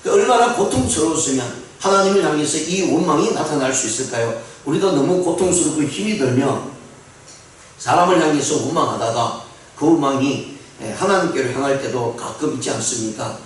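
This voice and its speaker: A man's voice: fairly high pitch, lively intonation, a little fast, slight background noise. A man preaching an early-morning sermon as pastor, earnest and building emphasis on key phrases. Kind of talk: dawn prayer sermon. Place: church sanctuary. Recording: very echoey room, mic at a distance.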